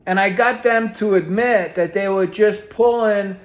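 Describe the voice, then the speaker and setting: A man's voice: high voice, measured pace. A man ranting in a profane, combative monologue, rambling and often asking "right?" as a vlogger.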